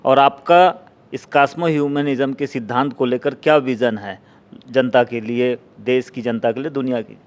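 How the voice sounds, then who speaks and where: A man's voice: mid-range voice, fairly even intonation, normal speed. A man hosting an interview, asking polite, formal questions and addressing his guest respectfully. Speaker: interviewer, host.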